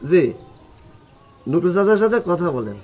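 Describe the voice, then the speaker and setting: A man's voice: high voice, very animated, normal speed, darkish tone, faint music behind. An actor playing a cheeky young phone-shop owner, wry and teasing as he sets his rules.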